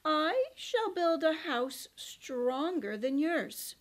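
A woman voicing a sensible little pig who speaks calmly and deliberately. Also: high voice, heavily acted.

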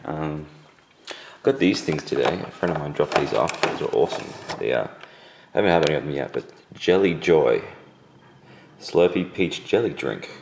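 A young man with an extremely low voice full of creaky fry. His jaw is swollen and sore after dental surgery. He rambles casually in a dry, deadpan way, as in a home vlog. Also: moderate pace, slight background noise. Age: young adult. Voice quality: gravelly, creaky voice. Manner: deadpan, dryly joking. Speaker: vlogger. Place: indoors at home. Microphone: handheld camera at arm's length.

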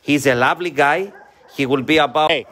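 A man's voice: on the high side, brisk, fairly bright tone. Man streaming from a dog shelter. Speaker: animal shelter owner. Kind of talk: casual live-stream chat. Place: outdoor dog shelter yard, dogs barking.

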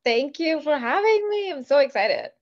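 A woman's voice: high voice, big pitch swings, moderate pace. A woman in her thirties from Kuwait, a podcast guest talking enthusiastically and chattily with many fillers over a video call from a home office. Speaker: podcast guest, business founder. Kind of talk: casual interview talk. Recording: dull lo-fi video call audio.

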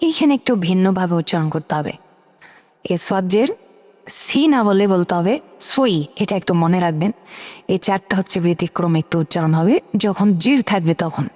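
A woman's voice: fairly low pitch, darkish tone. Patient woman teaching letters in a hall. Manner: patient, repeats each syllable slowly. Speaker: Quran reading teacher. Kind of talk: step-by-step recitation lesson.

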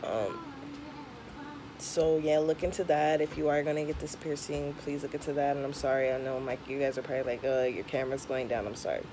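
Brisk and flat in delivery, a young woman with a low voice casually gives frank advice in a vlog, a slight lisp coming from her tongue piercing. She's recorded at home by a camera or phone at arm's length, with clear background noise.

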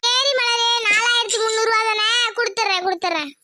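A woman's voice: very high voice, pushed and bright, no room sound, clean studio sound, heavily acted. Woman voicing a bossy village mother. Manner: brisk, scolding.

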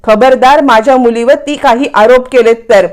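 A woman's voice: a little high, steady tone, moderate pace, natural voice. A woman narrator voicing a stern father who firmly reproaches his daughter's in-laws. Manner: firm, reproachful.

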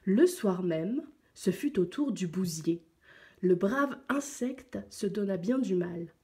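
A woman teacher reading a picture book aloud to young pupils, slow and expressive. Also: mid-range voice.

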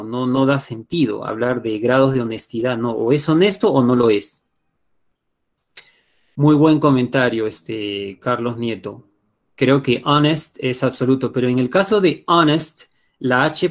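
A male teacher with a Peruvian Spanish accent runs a live online lesson through a computer mic. He explains step by step in a patient way and keeps stopping to check that his students follow. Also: mid-range voice. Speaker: English teacher.

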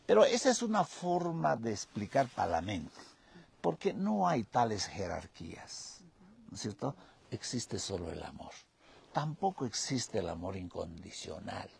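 A man, a spiritual guide telling a parable slowly, with long pauses. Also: lowish voice, sing-song, vocal fry, breathy edge. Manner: slow, drawn-out storytelling with pauses.

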